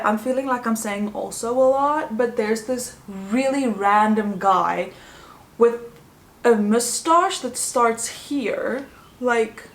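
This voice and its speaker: Chatty woman reviewing a show, roomy sound. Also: on the high side. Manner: chatty, sarcastic asides. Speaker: TV review vlogger. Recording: roomy echo.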